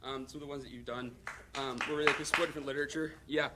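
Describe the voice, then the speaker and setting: A young man giving a halting, self-conscious thank-you speech, full of fillers. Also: mid-range voice, fairly even intonation, very noisy.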